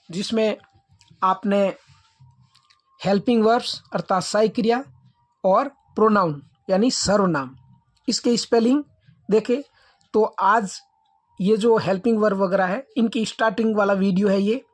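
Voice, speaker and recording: A woman teacher with an Indian English accent giving a lesson, spelling English words letter by letter and then saying each one. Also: mid-range voice.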